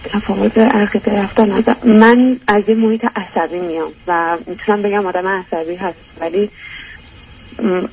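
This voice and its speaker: A woman's voice: mid-range voice, fairly even intonation, darkish tone, highs cut off, a little hiss or hum. A young woman calling a radio advice show, speaking hesitantly and searching for words as she explains her problem. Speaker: caller. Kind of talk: call-in advice talk.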